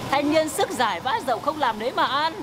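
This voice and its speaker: A woman playing a brash, sharp-tongued village wife who scolds bluntly, outdoors at a market. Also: high voice, expressive, quick pace. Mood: gossiping. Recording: outdoor street with crowd and traffic noise.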